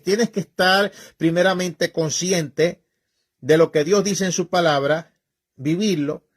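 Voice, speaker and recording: Fervent, scolding male preacher, fairly high voice. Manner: emphatic, scolding, colloquial. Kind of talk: informal preaching talk.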